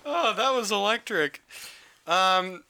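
Bright-voiced young man doing mock play-by-play. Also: sits high, slow, gravelly. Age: young adult. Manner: swings into excited play-by-play shouting. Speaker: podcast co-host. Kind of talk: comedic mock sportscasting.

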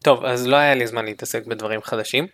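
A man co-hosting a casual podcast chat, telling a game story with lots of laughter. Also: mid-range voice. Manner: animated storytelling, laughs often. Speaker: podcast co-host.

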